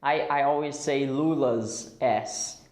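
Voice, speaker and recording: A man teaching English pronunciation, slowly repeating single words and patiently explaining the sounds. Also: medium pitch, darkish tone, reverberant. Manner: slow, patient, models words in isolation. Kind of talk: pronunciation drill lesson.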